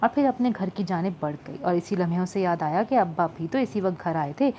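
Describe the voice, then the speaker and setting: A woman reading a novel aloud as an audiobook narrator, in calm storytelling. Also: lowish voice, brisk, lo-fi sound, a little hiss or hum.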